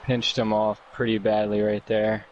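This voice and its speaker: A man's voice: fairly low pitch, level tone, unhurried, lo-fi sound, crowd noise. A man giving casual live motorsport commentary as the second voice on an online race.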